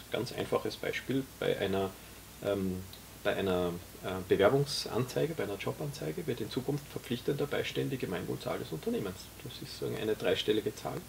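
A man in his forties with a low, gravelly voice explains his vision at length, pausing often with fillers. He talks in a small tea café, picked up by a camera mic a few metres off. A faint hiss sits under the recording. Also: darkish tone. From Austria. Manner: explanatory, many hesitations. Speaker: guest, author. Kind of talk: casual conversation.

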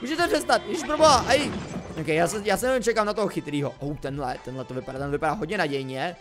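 Excitable young Czech-speaking gamer man. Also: on the high side, over music. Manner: excitable, jokey, swings between muttering and yelping. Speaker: gaming YouTuber. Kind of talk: casual game commentary.

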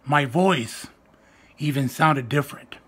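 A young man records a relaxed vlog to camera indoors in a small home room, using a phone or webcam close to his face. He has a soft, weak, raspy mid-range voice and jokes slowly about himself.

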